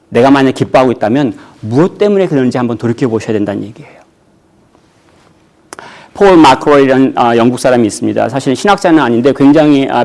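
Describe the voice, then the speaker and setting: Male pastor, mid-range voice, preaches in church with rhetorical questions and sudden loud jumps. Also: mid-range voice, creaky. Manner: rhetorical questions, voice jumping up when acting out quotes. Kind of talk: sermon.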